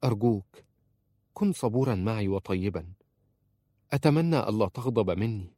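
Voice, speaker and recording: A man's voice: low voice, moderate pace, mellow, no echo, clean studio sound, lightly acted. A man voicing a frightened young bride who pleads with her stern husband in an audiobook. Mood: pleading. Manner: pleading, trembling.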